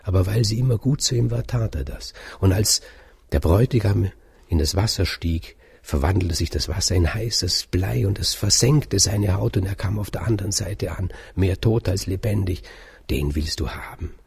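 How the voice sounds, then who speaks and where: A man telling a fairy tale aloud in a calm, measured way, dropping at times to a soft whisper. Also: low-pitched, gravelly, breathy edge. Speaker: storyteller. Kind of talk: oral fairy-tale storytelling.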